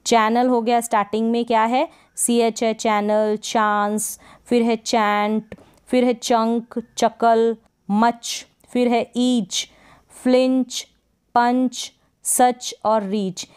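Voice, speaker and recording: Smooth-voiced woman teaching phonics. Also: fairly high pitch, level tone, darkish tone. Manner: slow, repetitive word-by-word drilling. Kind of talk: English phonics lesson in Hindi.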